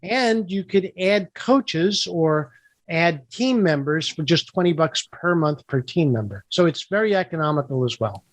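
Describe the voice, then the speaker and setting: A man's voice: on the high side, animated, measured pace, dry recording. A man who is a guest on a podcast, explaining his work with confident, upbeat salesmanship. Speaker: guest, software founder. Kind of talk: interview explanation.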